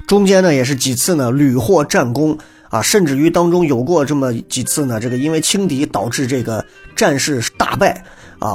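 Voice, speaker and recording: Man, storyteller, slightly high voice, chatty asides, acts out quotes, faint music behind. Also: slightly rough. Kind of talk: lively storytelling lecture on history.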